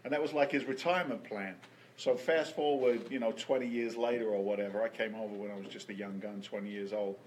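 A man from England with an English accent, telling personal stories in a casual conversation, with lively shifts in feeling and frequent repeated words. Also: fairly low pitch, quick pace, slight background noise, poor audio. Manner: storytelling, animated, repeats words.

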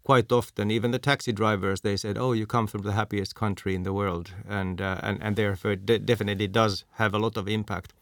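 A man from Finland hosting an interview, measured and steering the talk with questions. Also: fairly low pitch, little pitch movement, a bit bright, no echo. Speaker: interviewer, host. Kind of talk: conversational interview.

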